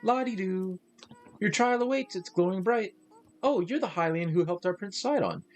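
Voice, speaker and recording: A man's voice: high voice, expressive, brisk, a little mellow, voice pushed up. Game stream; a man doing a perky Zora girl who loves to sing, raised sing-song voice, faint music behind. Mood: gushing. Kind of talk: reading game dialogue aloud.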